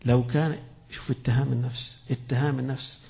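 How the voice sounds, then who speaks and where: A man's voice: medium pitch, little pitch movement, quick pace, creaky, darkish tone. A man with an Egyptian Arabic accent giving a sermon, switching between classical and colloquial Arabic and acting out the people he quotes. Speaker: Islamic preacher.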